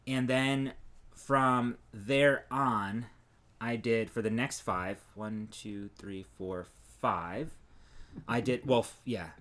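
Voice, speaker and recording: A man's voice: medium pitch, slow. A man co-hosting a casual crafting podcast, talking loosely and restarting often as he shows his blanket. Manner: relaxed, trails off and restarts while showing work. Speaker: podcast co-host. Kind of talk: casual chat about crochet.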